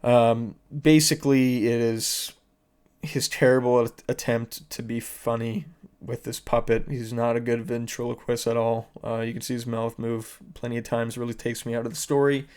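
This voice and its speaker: A man's voice: mid-range voice, little pitch movement, moderate pace, darkish tone, clean tone. A man hosting his own podcast, rambling through internet videos in casual, profane, sarcastic commentary. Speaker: podcast host.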